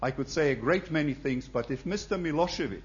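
A man from the audience making a forceful, argumentative point at a public debate. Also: on the high side, lively intonation, fairly quick, highs cut off, slight background noise. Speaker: audience member asking a question. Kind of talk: public debate floor question.

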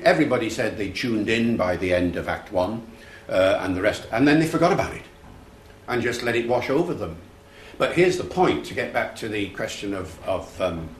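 A man's voice: fairly low pitch, echoey room, slight background noise. A man giving a public talk to an audience, explaining things and telling anecdotes, with occasional fillers. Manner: explanatory, storytelling, uses fillers. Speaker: festival speaker on language. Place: room with an audience.

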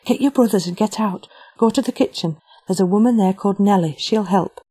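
A woman's voice: medium pitch, brisk, warm tone, husky, no room sound, close to an everyday voice. A woman voicing a brave, determined working-class young girl who speaks bluntly and urgently. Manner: fierce, urgent, plain-spoken.

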